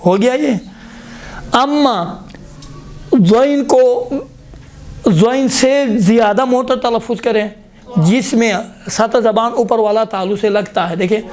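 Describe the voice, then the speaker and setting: A man's voice: very high voice, pauses often, darkish tone. A man teaching a Quran recitation lesson in a classroom, explaining how letters are formed and repeatedly sounding them out as examples. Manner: repeatedly demonstrates letter sounds aloud, prompting "look".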